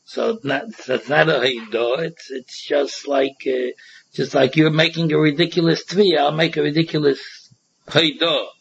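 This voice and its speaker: A very husky, creaky-voiced man with a Yiddish-inflected accent teaches a Talmud class. He reads a phrase and then explains it in a sing-song way, repeating himself and posing questions. The recording is dull and muffled. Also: mid-range voice. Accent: Yiddish-inflected English. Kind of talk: informal Talmud lesson, reading and explaining.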